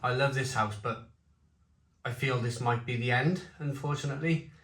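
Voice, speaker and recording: A man with a bright, forward voice of middling pitch talks as a casual reviewer, often circling back over his own phrases. The room is echoey, with faint noise behind him. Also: fairly even intonation. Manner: halting, repeats phrases. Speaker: food and beer reviewer. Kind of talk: casual unscripted video review. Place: home conservatory. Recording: roomy echo, faint background noise.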